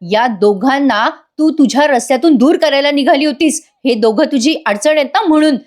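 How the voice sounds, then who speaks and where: A woman's voice: high-pitched, normal speed, darkish tone, voice pushed up, close to an everyday voice. Woman doing a stern scolding heroine. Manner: firm, scolding. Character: stern young heroine, confronting a liar.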